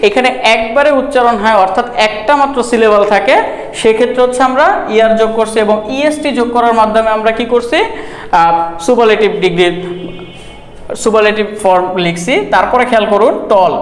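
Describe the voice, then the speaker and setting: A man teaching a grammar lesson at a board, explaining step by step and slowly repeating words to count their syllables. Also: high voice. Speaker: English teacher. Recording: echoey room.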